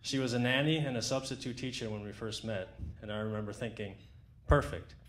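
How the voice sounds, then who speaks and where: A man's voice: medium pitch, brisk, fairly bright tone. A young man at a wedding reception, reading a prepared best man's toast into a handheld mic in a fond, teasing way. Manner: fond, teasing, with light jokes. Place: wedding reception in a large dining room.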